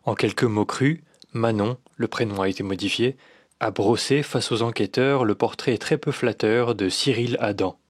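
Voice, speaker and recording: A man reading a scripted documentary voice-over in a measured, dryly critical manner. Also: on the low side, breathy edge. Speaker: documentary narrator. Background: music.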